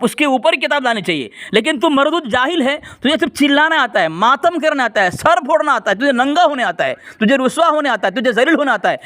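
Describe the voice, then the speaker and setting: High male debater, keeps repeating himself, talks over his rival, reads out citations. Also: sharp tone. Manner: reads out book references. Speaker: religious debater. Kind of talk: heated religious debate.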